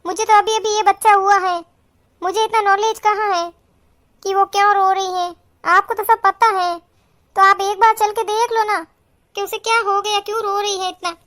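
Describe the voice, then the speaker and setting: A woman's voice: very high-pitched, little pitch movement, moderate pace, fairly bright tone, dry recording, clean studio sound. A woman voicing an anxious young new mother who pleads for help in a family cartoon. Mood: pleading. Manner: pleading, soothing. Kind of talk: cartoon voice acting.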